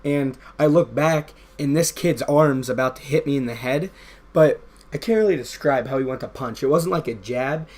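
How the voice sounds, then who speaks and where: A man's voice: medium pitch, moderate pace, a little mellow. A young man telling a casual, rambling story over gameplay, full of fillers. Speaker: gaming vlogger.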